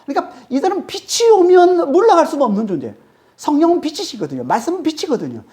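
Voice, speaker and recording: A woman's voice: sits high, sing-song, quick pace, dark tone. A woman preaching a sermon. She is emphatic, repeats key phrases and keeps checking in with a prompting "eh?". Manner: often adds a prompting "eh?" to check the audience. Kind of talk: expository sermon.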